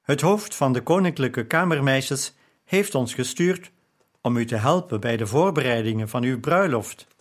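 A man's voice: mid-range voice, animated, moderate pace, natural voice. A man reading a novel aloud, voicing a self-important middle-aged woman who heads a group of royal maids. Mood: officious.

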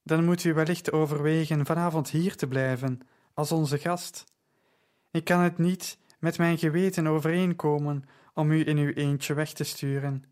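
A man's voice: a little high, steady tone, moderate pace, a little mellow, close to an everyday voice. Man voicing a practical, kind young weaver woman. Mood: concerned.

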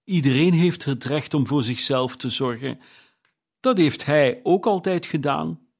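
A man's voice: fairly high pitch, measured pace, gravelly, pitched above the performer's own voice. A man voicing a brash, scheming charwoman who talks in a bold, challenging way in an audiobook. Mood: brazen. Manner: brazen, challenging. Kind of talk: audiobook character reading.

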